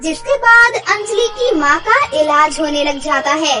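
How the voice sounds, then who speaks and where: A woman narrating a children's fairy tale in a slow, clear storybook manner, with music behind her. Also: high-pitched, animated, sharp tone. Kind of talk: scripted narration. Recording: background music.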